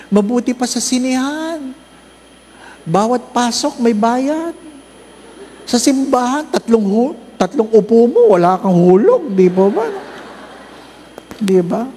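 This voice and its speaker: Priest preaching in a reverberant church. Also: male voice, high-pitched, warm tone, slight background noise. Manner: humorous storytelling, asks the congregation rhetorical questions; slow emphatic listing of works of mercy. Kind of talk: Advent recollection sermon.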